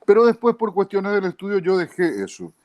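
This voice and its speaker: A man in his fifties with a Paraguayan Spanish accent, a trained broadcaster telling his career story as an interview guest, with clear diction and a measured way of talking. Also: high-pitched, big pitch swings, a little mellow, no echo. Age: 50s. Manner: measured, tags lines with a questioning aside.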